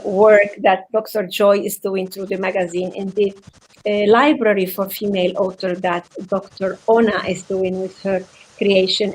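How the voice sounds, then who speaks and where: Woman, psychotherapist, heartfelt motivational speech, earnest, halting, repeats words, video call. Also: mid-range voice, slight background noise, poor audio. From Venezuela. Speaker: psychotherapist, guest speaker.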